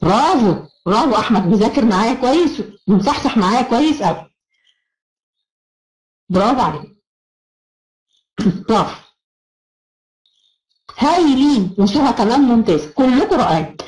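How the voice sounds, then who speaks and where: A woman's voice: fairly high pitch, animated, moderate pace, pauses often, darkish tone, echoey room, low-quality recording. A woman with an Egyptian Arabic accent giving an encouraging online self-help lecture, praising her students as she goes.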